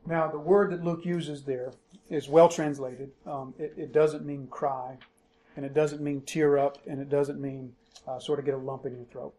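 Middle-aged guy preaching a sermon, kinda high voice, gets loud and punchy on the bible quotes. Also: level tone, normal speed. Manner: expository preaching, rising emphatically on quoted verses. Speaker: pastor.

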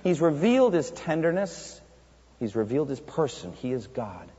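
A man's voice: fairly high pitch, very animated, normal speed, mellow, husky. A man preaching a sermon in an earnest storytelling way, asking rhetorical questions of his congregation. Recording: dull, reverberant church hall sound.

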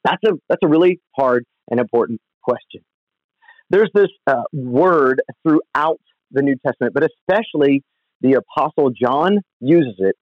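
A man's voice: mid-range voice, animated, normal speed, dry recording. A man, a pastor, gives an earnest, conversational devotional talk from home, heard over the phone. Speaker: pastor and podcast host. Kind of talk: devotional podcast teaching. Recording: dull lo-fi phone recording, dry.

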